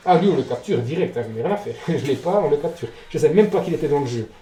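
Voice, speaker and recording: A man with a mellow, medium-pitched voice hosts a casual gaming let's play. He reacts out loud, swears and addresses the game directly. The room is echoey, with music playing behind him. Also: animated, quick pace. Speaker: gaming video host.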